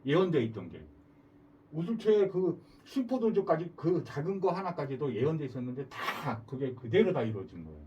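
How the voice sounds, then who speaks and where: A man delivers a sermon in an emphatic, questioning way, his pitch sitting a little high and swinging widely. He is recorded from some distance away from the microphone. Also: big pitch swings, fairly quick, lo-fi sound, background noise. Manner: emphatic, rhetorical questions to the congregation. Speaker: preacher.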